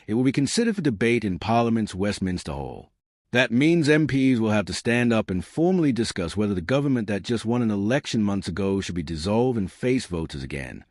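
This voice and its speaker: A man with a low voice narrates scripted political commentary, swinging his pitch widely for drama. He sounds emphatic and scornful, and the recording is close and dry with no room sound. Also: no room sound.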